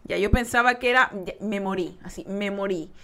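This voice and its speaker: A woman's voice: mid-range voice, fairly quick, a bit bright. A young adult woman hosting a podcast, telling a personal story in a casual, emphatic and blunt way, swearing freely. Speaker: podcast host.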